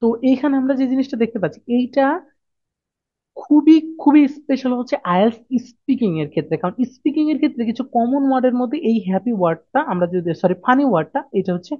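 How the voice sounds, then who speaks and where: A man's voice: extremely high pitch, lively intonation, quick pace, no room sound. A man teaching exam vocabulary, who repeats key points and asks and answers his own questions. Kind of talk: explaining a lesson to students. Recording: dull, dry, lo-fi audio.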